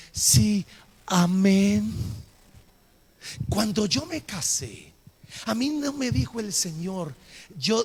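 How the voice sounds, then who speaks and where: A middle-aged Colombian pastor preaching a sermon, animated and acting out scenes, in an echoing church hall. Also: male voice, high-pitched, vocal fry, breathy edge.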